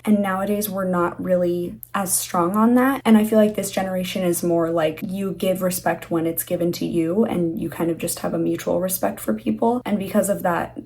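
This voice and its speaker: A young woman hosting a reaction video, chatting casually into her phone's built-in mic in a quick selfie recording, rambling and swearing freely. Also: lowish voice, mellow. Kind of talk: casual to-camera commentary.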